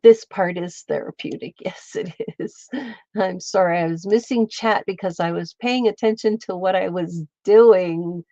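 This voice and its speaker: A woman with a stuffy, congested voice, slowly walking viewers through a craft step by step and chatting with them as she works. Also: lowish voice, warm tone, dry recording, dull audio. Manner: slow, meandering, chats with viewers while working. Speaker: craft livestreamer. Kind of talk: casual craft demonstration. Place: home, at her lap.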